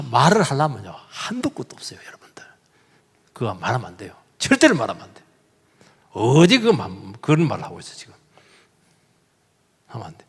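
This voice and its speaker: A man's voice: fairly high pitch, breathy edge, big-room sound. A male pastor giving a sermon, talking animatedly and putting rhetorical questions to his congregation. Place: church sanctuary.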